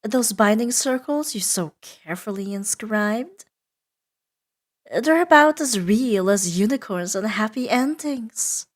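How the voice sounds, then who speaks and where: A woman with a slightly high, animated voice plays a female demon in an ASMR roleplay audio drama, speaking slowly and sounding smug and amused. The demon is seductive, menacing and playful, teasing and imperious, often sinking into breathy whispers.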